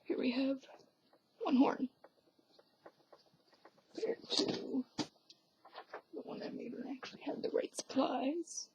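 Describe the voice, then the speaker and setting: A woman's voice: high-pitched, expressive, slow pace, pauses often, background noise. A young woman whispering through a hands-on craft tutorial at home, with offhand, self-mocking asides. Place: at home, quiet indoors.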